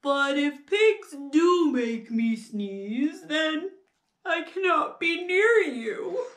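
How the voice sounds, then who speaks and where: Lady doing a dramatic anxious boy elephant from a picture book, big slow wails, swings all over, roomy sound. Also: high-pitched, very animated, a bit bright, voice pushed up, full character voice. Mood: tearful despair. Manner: theatrical wailing and drawn-out exclamations. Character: melodramatic anxious elephant, male, prone to huge sneezes.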